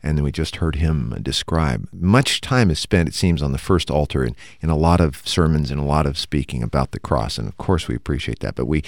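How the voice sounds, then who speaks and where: A man's voice: rumbling low, animated, brisk, gravelly, hardly any pauses, no room sound, studio quality. A man co-hosting a Bible discussion show, explaining points thoughtfully with occasional fillers. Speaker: radio show co-host.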